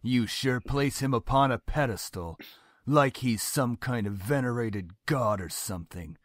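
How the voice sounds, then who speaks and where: A man's voice: medium pitch, a little slow, no echo, clean studio sound, lightly acted. An actor voicing a stern, controlling middle-aged father who talks coldly and commandingly. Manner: cold, commanding, explodes in anger.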